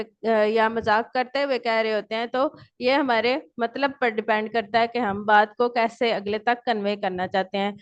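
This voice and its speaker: A woman lecturer giving an online class, who asks her students questions and answers them herself. She reads English definitions out slowly and explains them in Urdu. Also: on the high side. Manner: switches between English and Urdu. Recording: dull lo-fi recording.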